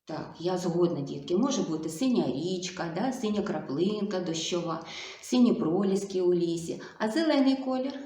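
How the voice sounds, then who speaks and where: A woman's voice: on the low side, animated, mellow. Sing-song woman coaching small children. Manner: slow, sing-song and coaxing, full of diminutives. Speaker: kindergarten speech therapist. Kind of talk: video lesson for young children. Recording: echoey room.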